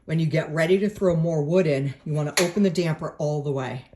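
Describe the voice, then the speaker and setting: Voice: medium pitch, brisk, darkish tone. Casual home vlogger from New England, chatty how-to delivery, indoors by the stove, phone-camera feel. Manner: chatty and informal, with frequent tag questions. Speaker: home vlogger explaining a woodstove to a friend. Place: at home beside a woodstove, indoors.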